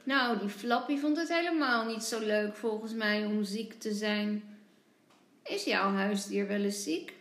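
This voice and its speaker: A woman kindergarten teacher reading a picture book aloud to young children, gentle and expressive. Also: medium pitch, reverberant, soft background music. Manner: gentle, slow, expressive storyteller.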